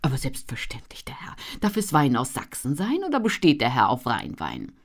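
A narrator voicing a servant at an inn, speaking in a hushed, obsequious way in an audiobook. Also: mid-range voice, huge pitch swings, normal speed. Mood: fawning. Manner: curt, then hushed and obsequious. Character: surly inn servant turning fawning. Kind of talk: audiobook character voice.

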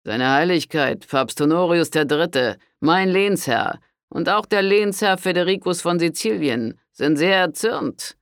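A man voicing a pompous count who speaks slowly and formally in an audiobook. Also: a little high, expressive, a bit bright, no echo, clean studio sound, voice pushed up. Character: pompous male count in red armor.

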